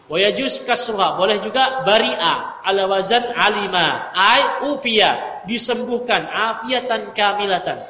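A man teaching a religious study lecture, lively and teasing his audience in asides. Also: high voice. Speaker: Islamic teacher. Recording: echoey hall, dull lo-fi audio, faint hiss.

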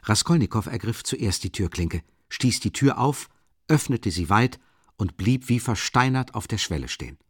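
A man narrating a literary audiobook in a measured, calm and deliberate way, recorded in a studio. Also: on the low side, breathy edge, no echo.

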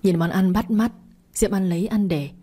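A woman's voice: medium pitch, fairly even intonation, moderate pace, warm tone, slightly rough. A woman narrating a family story aloud, reading every character's quarrelsome lines herself. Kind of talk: storytelling narration with acted dialogue.

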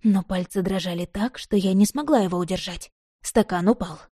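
Lady reading a novel aloud, calm, mellow voice, dry. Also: medium pitch, moderate pace, husky, no room sound. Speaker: audiobook narrator. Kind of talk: scripted narration.

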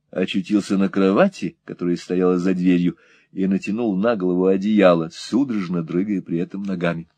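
A man narrating a classic novel in an expressive, theatrical audiobook reading. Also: low-pitched, no room sound. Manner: theatrical, varied delivery.

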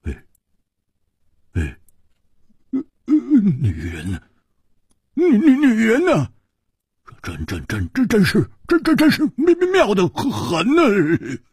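Guy playing a stuttery bold young swordsman, slow and husky, dry sound. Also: sits high, huge pitch swings, a little mellow, no echo, voice pushed up, exaggerated voice. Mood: flustered. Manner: stutters, repeats words. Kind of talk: storytelling narration.

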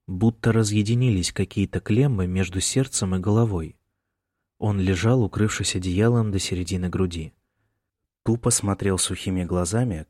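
A male narrator reads a novel in a calm, measured way. His voice is low, and the recording is dry with no room sound. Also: no room sound. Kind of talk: audiobook narration.

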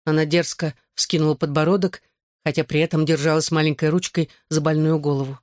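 An audiobook reader giving wry first-person narration in an even manner. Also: medium pitch, brisk, no echo, clean studio sound.

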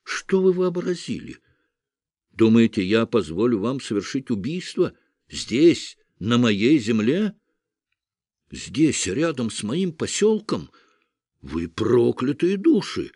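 A man voicing an indignant, bleating goat-like male devil with a shrill, squawking voice. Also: very animated, slow pace, darkish tone, no room sound, studio quality, exaggerated voice.

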